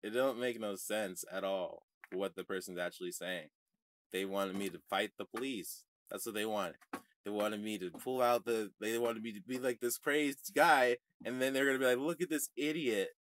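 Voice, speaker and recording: A man hosting a religious online show, ranting to his viewers in a combative way that swings from shouting to muttering. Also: lowish voice, moderate pace. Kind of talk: heated livestream rant to viewers.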